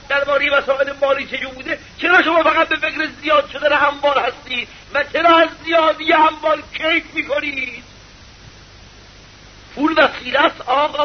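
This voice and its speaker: A male preacher with a very high voice delivers an impassioned sermon. He piles up rhetorical questions and sometimes breaks into shouts. The recording is slightly muffled, with a faint hiss underneath.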